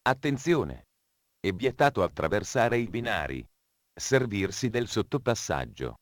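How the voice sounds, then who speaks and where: A man delivers train station announcements in a formal, measured manner. His voice sits low. The recording is dry, with no room sound. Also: sing-song, no room sound.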